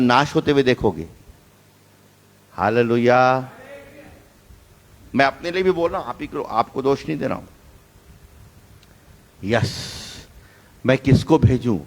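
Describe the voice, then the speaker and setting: Booming pastor in a hall. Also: male voice. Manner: swings from booming shouts to low asides, mixes in English phrases. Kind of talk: sermon. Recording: long hall reverb.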